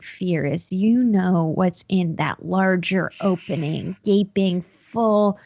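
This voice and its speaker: A woman's voice: fairly low pitch, slow, gravelly, darkish tone, no room sound, lo-fi sound. A woman running a tabletop horror game as game master, describing scenes with frequent ums and restarts.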